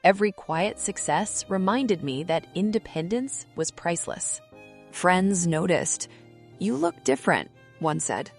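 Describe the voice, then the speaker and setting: A woman with a lowish voice narrates a scripted first-person story. Her delivery is calm and measured, broken into short, deliberate phrases. Faint music plays quietly behind her.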